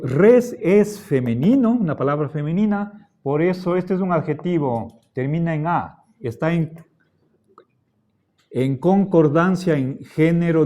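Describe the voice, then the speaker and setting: Male lecturer, slightly high voice, very slow and deliberate, keeps checking students follow. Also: warm tone. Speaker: teacher. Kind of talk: classroom lecture.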